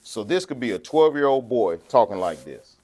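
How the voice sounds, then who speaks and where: A man preaching a sermon, conversational, shifting between quiet asides and loud, slow scripture reading. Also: medium pitch, sing-song. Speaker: pastor.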